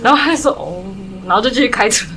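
A young woman from Taiwan chatting casually, telling stories in quick run-on clauses. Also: on the high side, lively intonation, noisy background. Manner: rapid storytelling, strings clauses with "然后". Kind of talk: casual chat.

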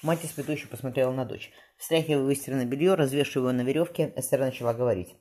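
A woman reading a historical novel aloud as narrator, brisk and expressive. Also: a bass voice, slight background noise. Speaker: audiobook reader.

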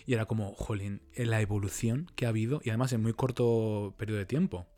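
A man hosts a relaxed podcast chat in a rather low voice. He speaks softly and reflectively and often lets his sentences trail off. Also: quick pace.

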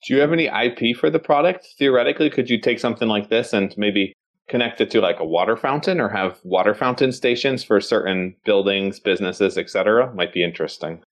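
A man's voice: on the low side, brisk. A man speaking as an investor on a panel, asking questions conversationally and thinking aloud.

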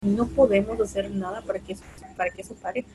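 A woman's voice: mid-range voice, steady tone, fast talker, warm tone, a little hiss or hum, rough recording. A young woman, co-hosting a podcast in casual chat, talking in a blunt, impassioned way with casual swearing. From Mérida, Yucatán, Mexico. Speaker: podcast co-host.

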